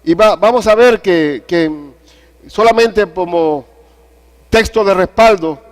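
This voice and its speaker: A man's voice: high-pitched, slow pace. An older man, a pastor and grandfather, preaching a sermon with personal stories and questions put to the congregation.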